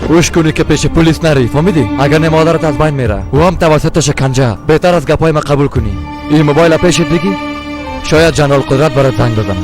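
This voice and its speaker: A man dubbing a cold, menacing kidnapper in a TV drama. His voice sits a little high and commanding, with a music score behind it. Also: lightly acted. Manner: threatening, commanding. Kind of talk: dubbed TV drama. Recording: dubbed over music score.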